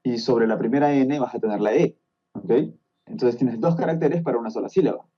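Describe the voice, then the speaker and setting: Husky and mid-pitched, the Peruvian man, a guest expert on Tolkien's languages with a Peruvian Spanish accent, talks fairly quickly on a podcast, laying out a topic stage by stage and frequently confirming his listener follows along. The audio is dull.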